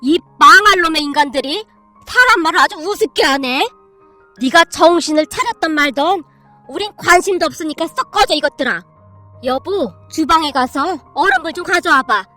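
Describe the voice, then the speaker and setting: A woman's voice: high-pitched, expressive, normal speed, pushed and bright, faint music behind. Woman playing a meek mother-in-law acting tough. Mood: eager. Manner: eager, trying hard to sound tough. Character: meek middle-aged mother-in-law practicing being fierce.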